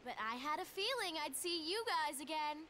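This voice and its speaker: A woman's voice: high-pitched, expressive, normal speed, sharp tone, a little hiss or hum. An actress voicing a perky young ninja girl in a video game, with an upbeat, bouncy delivery. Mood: cheerful.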